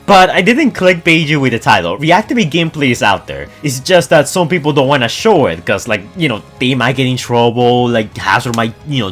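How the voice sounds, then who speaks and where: Here a man at medium pitch covers gaming news for his YouTube audience, sounding excited and informal in a casual, upbeat commentary style.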